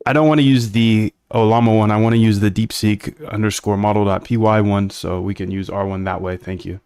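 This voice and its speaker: A man's voice: fairly low pitch, steady tone, brisk, darkish tone, clear, resonant tone, dry recording. A man casually talking through his live coding stream, thinking aloud and answering chat bluntly. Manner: blunt, chatty, thinks aloud while working. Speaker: live-streaming developer of trading bots.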